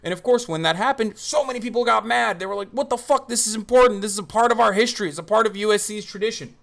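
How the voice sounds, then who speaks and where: This Turkish streamer and political commentator talks fast in a high, slightly bright voice with vocal fry. His unscripted livestream commentary is emphatic and argumentative, sprinkled with casual swearing.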